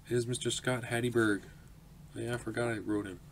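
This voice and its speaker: Young guy in his 20s opening mail on webcam, gravelly voice, lots of background hiss. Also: mid-range voice, level tone, normal speed. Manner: chatty, upbeat, laughs often, many ums. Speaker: autograph collecting channel host. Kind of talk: casual mail-opening vlog. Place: small home room, indoors. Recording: noisy home recording.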